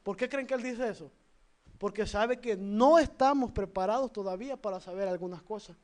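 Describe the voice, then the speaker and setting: A Salvadoran man preaching in a strikingly high voice. He fires questions at the congregation one after another, swinging from soft asides to loud emphasis. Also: normal speed. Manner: lively, shifts between loud and soft. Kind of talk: sermon.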